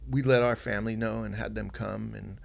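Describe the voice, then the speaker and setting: A man talks through a personal story on a podcast. His voice sits low and gravelly. He speaks softly and haltingly, with plenty of fillers and restarts. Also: steady tone. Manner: soft-spoken, halting, many fillers and restarts. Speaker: podcast guest.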